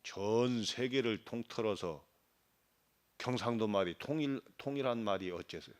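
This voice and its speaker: A middle-aged man, a Buddhist monk giving a dharma talk. He questions his listeners, imitates regional dialects, and swings between loud emphasis and quiet asides. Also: lowish voice, measured pace.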